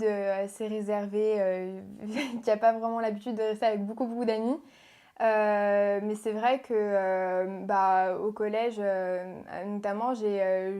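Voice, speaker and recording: A young woman from Portugal, a pageant contestant answering interview questions in a soft, hesitant way with many pauses and fillers. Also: medium pitch, smooth. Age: young adult. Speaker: guest, beauty pageant contestant.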